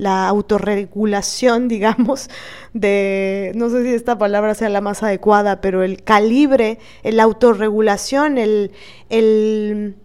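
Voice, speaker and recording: A woman's voice: on the high side, darkish tone. A woman with a Mexican accent, hosting a podcast and talking in an earnest, emphatic way, often asking questions of herself and others. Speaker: podcast host. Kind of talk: reflective podcast talk.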